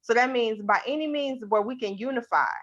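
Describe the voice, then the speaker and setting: A woman's voice: on the high side, fairly quick, dry recording, muffled recording. A woman in a heated debate, insistently breaking in to press her point. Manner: insistent, repeats "but" to break in. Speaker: panelist.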